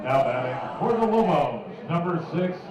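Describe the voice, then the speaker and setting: A man acting as the stadium announcer, heard over a PA loudspeaker with drawn-out, booming introductions in an outdoor ballpark. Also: expressive, heavy background noise. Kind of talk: batter introductions. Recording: distant PA in loud ambience.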